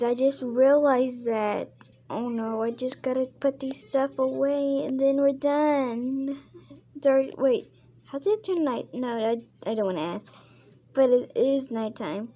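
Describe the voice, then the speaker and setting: A woman's voice: on the high side, warm tone. A woman playing a mother in a casual game role-play, chatting and stopping to narrate what her character does.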